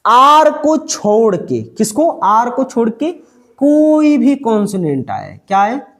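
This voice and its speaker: A man's voice: very high-pitched, sing-song, a bit bright. A man teaching English pronunciation, repeating each word and asking himself what it is read as before answering. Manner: repeats words and quizzes himself with questions; stretches out key sounds slowly. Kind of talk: pronunciation lesson.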